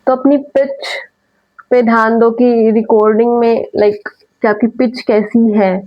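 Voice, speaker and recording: A woman teaching verbal communication in casual mixed Hindi and English, who talks fast and leans on key words for emphasis. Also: a little high, level tone. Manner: naturally fast talker. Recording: dull lo-fi recording.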